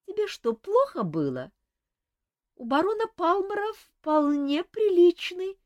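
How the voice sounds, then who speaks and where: A woman voicing a lazy, gossipy court lady who drawls in a high voice. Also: sing-song, measured pace, no echo, full character voice.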